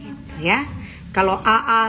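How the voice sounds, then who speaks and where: A woman's voice: on the high side, measured pace, sharp tone. A woman hosting an Instagram live, chatting casually with her viewers and speaking firmly and emphatically. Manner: firm, emphatic, talks straight to commenters.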